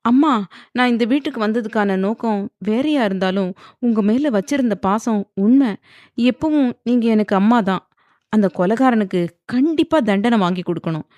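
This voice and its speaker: A woman's voice: a little high, animated, moderate pace, darkish tone, no room sound, pitched above the performer's own voice, natural voice. A woman voicing a determined young heroine who speaks firmly and earnestly. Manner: firm, earnest.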